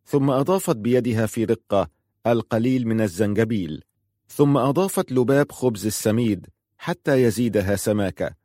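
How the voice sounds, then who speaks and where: A man narrating a historical novel in measured scripted storytelling. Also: medium pitch, lively intonation, mellow, no echo, clean studio sound.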